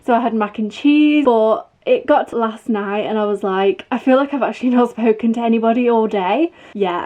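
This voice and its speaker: A woman's voice: a little high, a little mellow, dull audio. Chatty young English woman vlogging. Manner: chatty, upbeat and confiding. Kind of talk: casual chat to camera. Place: at home, indoors.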